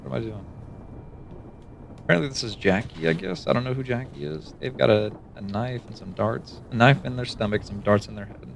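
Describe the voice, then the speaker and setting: A man's voice: mid-range voice, brisk, creaky, a little hiss or hum. A male streamer reading an interactive story aloud on a livestream, casual, with wry asides and swearing between the passages. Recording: faint background music.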